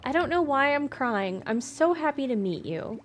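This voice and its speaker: A woman's voice: sits high, lively intonation, normal speed, slight background noise. A woman reading the lines of an emotional woman who is crying while she meets an old friend's child. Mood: tearful.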